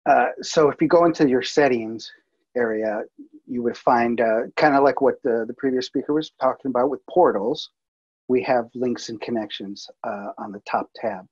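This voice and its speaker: In a webinar, a male multimedia producer walks through a workflow on slides at a moderate pace, casual and full of fillers and restarts. His mid-range voice is a little mellow and slightly rough, with the highs cut off.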